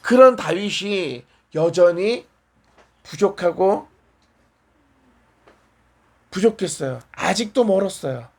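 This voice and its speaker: A man's voice: sits high, lively intonation, takes it slowly, pauses often. A man preaching a sermon in a small church, conversational and asking the congregation questions and answering back.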